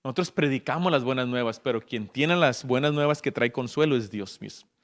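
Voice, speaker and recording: A man preaching a sermon as pastor, impassioned and rising to loud, emphatic peaks. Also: medium pitch, fairly quick. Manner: acts out everyday people's voices in asides.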